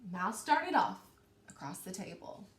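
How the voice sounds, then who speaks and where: In an echoing, spacious indoor room, a woman reads a storybook to kids in a teacherly way, expressively lengthening key words and asking questions. Her mid-range voice moves through big pitch swings, and she goes a little slowly.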